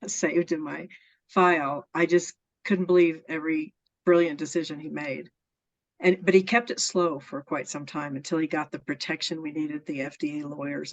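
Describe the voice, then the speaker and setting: Earnest woman guest on a dull recording. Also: low-pitched. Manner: earnest, enthusiastic, laughs often. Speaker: interview guest. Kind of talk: casual storytelling interview. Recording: dull lo-fi sound.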